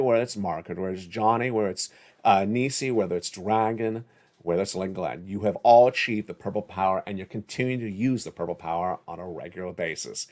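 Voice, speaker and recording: A man hosting a live finance stream, talking excitedly with loud bursts and slow, stretched words for emphasis. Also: on the low side. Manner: excited, emphatic, swings between loud bursts and quiet asides. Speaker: channel host. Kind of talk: hyped live stream monologue.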